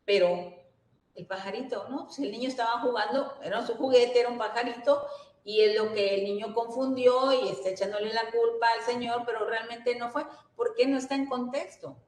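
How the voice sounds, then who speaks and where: A woman's voice: a little high, fairly even intonation, normal speed, a little mellow. A woman gives an earnest workshop talk, often checking in with her listeners. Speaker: workshop speaker. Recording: roomy echo.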